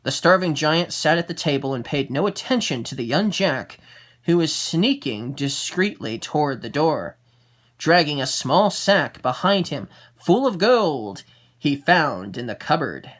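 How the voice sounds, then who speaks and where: A storyteller reading a fairy tale aloud, expressive, with the odd small slip and restart. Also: mid-range voice, a little slow.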